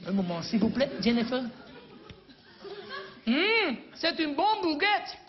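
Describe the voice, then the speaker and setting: A man's voice: extremely high pitch, big pitch swings, a little slow, voice pushed up, full character voice. A man putting on a hammy fake-French male wine waiter who mixes broken French with Dutch words. He giggles between phrases. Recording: dull lo-fi recording, noisy crowd.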